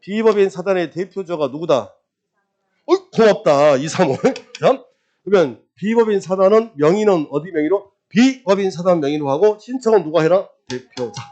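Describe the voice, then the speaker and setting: High-voiced lively male law lecturer. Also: normal speed, dull audio. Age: middle-aged. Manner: lively, quizzing, drills with repeated questions and answers. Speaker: real estate law exam lecturer. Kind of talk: classroom lecture.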